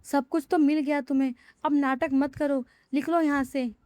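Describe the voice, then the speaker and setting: A woman's voice: high-pitched, steady tone, normal speed, mellow, dry recording, clean studio sound, close to an everyday voice. A woman voicing an angry, scornful older mother-in-law.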